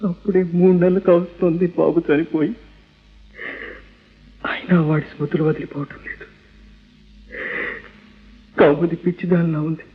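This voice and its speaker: A man's voice: a little high, flat delivery, moderate pace, pauses often, husky. An actor playing a grieving atheist father and rational husband in an old radio play, talking in an earnest, reasoning way. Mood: brooding. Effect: old radio broadcast sound. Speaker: father of a sick child. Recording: narrow lo-fi old radio recording.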